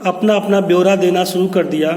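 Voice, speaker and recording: High-voiced teacher in echoey room. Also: male voice, steady tone, a little fast, a little mellow. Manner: explains each English word in Hindi, storytelling. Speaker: English teacher. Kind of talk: poem explanation lesson. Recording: echoey room with long reverb.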